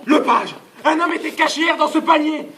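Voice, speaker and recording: An actor playing a frantic, raging jealous husband in a stage farce, declaiming and shouting hammily. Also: male voice, extremely high pitch, lively intonation, normal speed, exaggerated voice. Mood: furious shouting. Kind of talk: theatrical stage farce acting. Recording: echoey theatre, loud noise and audience.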